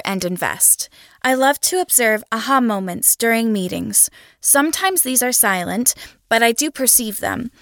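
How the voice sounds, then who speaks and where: A woman reading the answers of a scripted interview in a steady, even way. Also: on the high side, no room sound, studio quality.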